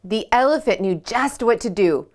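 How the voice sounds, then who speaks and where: Animated woman leading kids' yoga storytime. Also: on the high side, normal speed. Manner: animated, asks children gentle questions. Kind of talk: children's yoga storytime, reading aloud.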